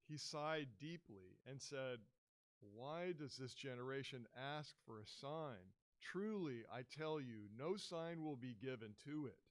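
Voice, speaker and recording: Class reader: a man at a middle pitch, reading scripture with expressive inflection on the quotes.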